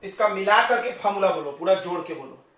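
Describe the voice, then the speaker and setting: High-voiced male teacher in an echoey classroom. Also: lively intonation, fairly bright tone. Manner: chatty, jokes with students, asks quick questions. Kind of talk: classroom chemistry lesson. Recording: very echoey classroom, distant mic.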